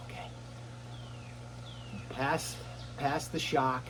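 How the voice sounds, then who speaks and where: A fairly high-voiced man talks casually while sitting in ice cold water. He is breathless from the cold and puffs between short phrases, outdoors with a faint noise behind him. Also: moderate pace. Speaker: vlogger. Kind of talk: casual self-talk to camera. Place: outdoors in a cold plunge barrel.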